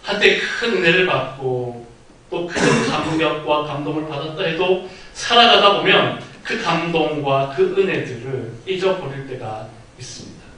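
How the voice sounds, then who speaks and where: Male pastor, bright voice, dramatic storyteller, heavily echoing church hall heard from afar. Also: fairly high pitch, measured pace. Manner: storytelling preacher, acts out quoted speech with sudden loud outbursts. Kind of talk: sermon. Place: church sanctuary. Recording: very echoey hall, mic at a distance.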